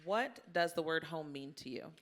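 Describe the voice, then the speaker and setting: Here a woman hosts an informal live panel at an indoor luncheon event, her deep voice lively in intonation at a normal pace. She speaks colloquially in a folksy, encouraging way, with the audience audible in the room.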